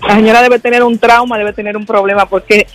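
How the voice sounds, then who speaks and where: A woman's voice: a little high, level tone, quick pace. An older woman calling in to a radio show, giving firm opinions. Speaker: caller. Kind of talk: phoned-in radio comment.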